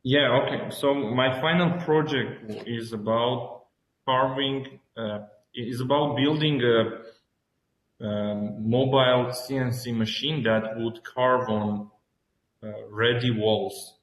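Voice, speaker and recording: Over a video call, a schoolteacher with an Armenian accent presents a student project in an average-pitched, steady voice. He speaks slowly and haltingly, searching for words, and the room is very echoey.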